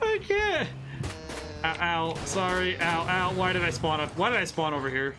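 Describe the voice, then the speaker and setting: A man giving excited, bemused, exclamatory commentary while playing a video game. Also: on the high side, fairly quick. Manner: exclamatory, reacts aloud with ows and laughs. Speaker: game streamer, game designer. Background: game music.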